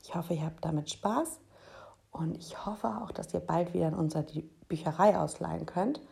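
A teacher presenting a school book podcast for first graders and reading a children's book aloud in a clear storytelling manner. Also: female voice, fairly low pitch. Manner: warm-hearted, slow, clear storytelling for young children.

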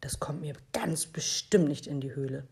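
A woman reading a children's storybook aloud, voicing a strict, exasperated mother dinosaur who scolds in a sharp, raised voice. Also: sits low, moderate pace, creaky, breathy edge, exaggerated voice. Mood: refusing.

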